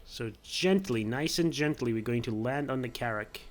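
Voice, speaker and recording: A man's voice: medium pitch, moderate pace. A man hosting a gameplay video, talking himself through careful moves in casual commentary and chuckling now and then.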